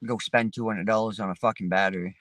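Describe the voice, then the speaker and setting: A man with a lowish, steady voice talks quickly and with a fairly bright tone on a dry phone recording. He's hosting a livestream panel from his parked vehicle, chatting casually in a rambling, profane, laid-back way.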